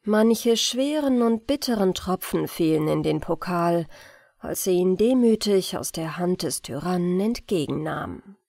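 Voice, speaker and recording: A woman reading a spooky tale aloud as a calm, measured bedtime audiobook narrator. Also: lowish voice, creaky, no echo, studio quality. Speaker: audiobook reader.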